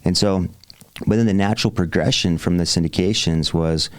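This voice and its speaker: A man's voice: low-pitched, moderate pace, no room sound. A man in his forties, a real estate investor guest on a podcast, telling his story with upbeat enthusiasm and plenty of fillers. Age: 40s. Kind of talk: podcast interview.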